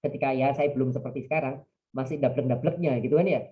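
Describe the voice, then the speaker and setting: Chatty East Javanese preacher, dull lo-fi audio. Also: male voice, medium pitch, fast talker. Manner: chatty, digressive storytelling. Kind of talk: religious talk in a webinar. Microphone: online call mic.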